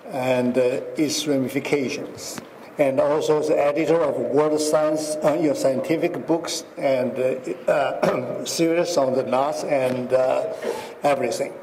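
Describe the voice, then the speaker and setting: A man introducing a keynote speaker at a hotel conference, halting, with many uhs and throat clearing. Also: fairly high pitch, a little mellow. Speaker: session chair introducing speaker. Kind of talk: formal introduction. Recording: reverberant hall, faint background noise.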